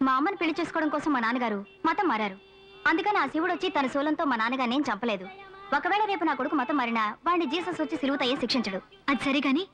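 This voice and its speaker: A woman's voice: high voice, a bit bright. An actress playing an outspoken young woman who talks frankly, with a light mocking tone. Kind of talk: dubbed film dialogue. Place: temple.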